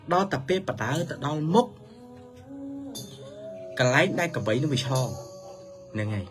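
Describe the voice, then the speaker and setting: A man's voice: medium pitch, animated, normal speed. Man telling a children's story over music.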